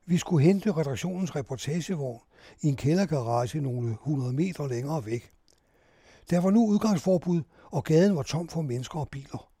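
A man calmly narrating a first-person eyewitness account in a measured storytelling manner. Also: on the high side, slightly rough, no room sound, studio quality.

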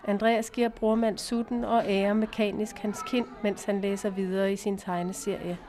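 A woman narrating a novel as an audiobook in a calm, even reading voice. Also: medium pitch.

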